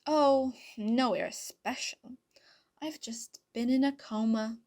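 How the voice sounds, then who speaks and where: A woman's voice: on the high side, slow pace, darkish tone, voice pushed up. A woman voicing a long-lost mother who talks in a breezy, offhand way, in a fan reading of a story.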